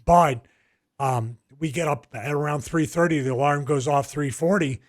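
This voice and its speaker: His fairly high-pitched voice moves at normal speed as this middle-aged co-host, who has a Philadelphia accent, rambles through long stories on a casual podcast. He keeps things conversational and easygoing, with plenty of restarts and fillers.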